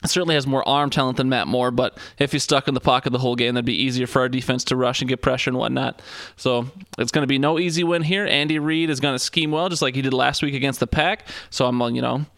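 A man's voice: mid-range voice, steady tone, fast talker, few pauses, fairly bright tone, dry recording, clean studio sound. A man co-hosting a casual sports podcast, rambling through the games with many fillers and restarts. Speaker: podcast co-host.

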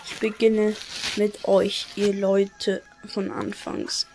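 A woman reading out a gloating male dark lord villain in a video game, with a whispery, drawn-out delivery. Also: medium pitch, completely flat delivery, soft background music. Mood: menacing. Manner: whispery, drawn-out evil laugh.

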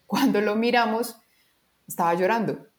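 A woman tells a story in a relaxed, chatty way. She slips into little voices for the people she quotes and fills her talk with casual fillers. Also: medium pitch, normal speed. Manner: animated, acts out quoted dialogue, frequent fillers. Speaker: guest sharing a personal story.

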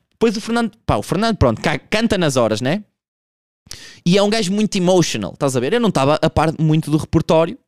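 A man's voice: on the high side, no room sound, clean studio sound. A young man doing a casual, profane stand-up monologue, telling a story with vocal impressions. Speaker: stand-up comedian.

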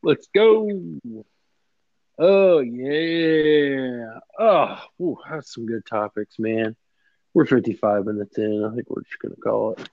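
A man's voice: medium pitch, lively intonation, slow, no echo, muffled recording. A man in his thirties co-hosting a podcast, chatting casually with loose, profane banter. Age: 30s. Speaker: podcast co-host. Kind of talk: casual chat.

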